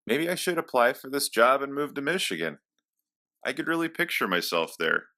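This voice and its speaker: A man's voice: mid-range voice, big pitch swings, moderate pace, pushed and bright. A man reading a scripted monologue, thinking aloud as he weighs a job move. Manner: thoughtful, talking to himself. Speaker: educator considering a job.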